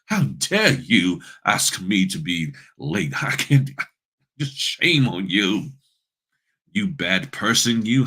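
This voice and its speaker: A haughty, scolding newcomer notary in a put-on British accent, played by a man. The pace is slow and drawn out, each reproach stretched for effect. The voice sits higher than the performer's usual deep register. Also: pushed and bright, husky, full character voice. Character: prim, indignant, self-righteous brand-new notary.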